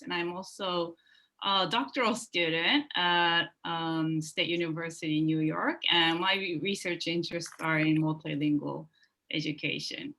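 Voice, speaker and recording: Bright-toned woman speaking from Tokyo. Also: fairly low pitch, low-quality recording. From Japan. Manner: measured, with soft fillers. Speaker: English lecturer, panelist. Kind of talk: self-introduction on a panel.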